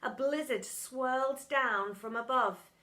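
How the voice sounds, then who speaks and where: Reading a children's storybook aloud at a primary school storytime, this woman uses a high, sharp voice and a slow pace. Her delivery is dramatic and theatrical.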